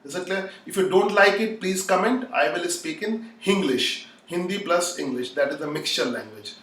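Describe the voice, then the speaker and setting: A man's voice: high voice, expressive, moderate pace, fairly bright tone. A man with an Indian accent teaching a live online maths lesson, mixing Hindi phrases into English, repeating himself and often checking understanding. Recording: echoey room, distant microphone.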